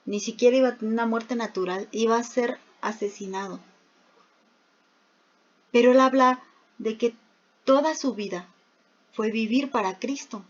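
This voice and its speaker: Predicadora que da un estudio bíblico, preguntas retóricas, voz alta, sonido opaco. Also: female voice, on the high side, moderate pace, long pauses. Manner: asks rhetorical questions, reads scripture aloud. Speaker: preacher. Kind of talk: bible teaching. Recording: dull lo-fi recording.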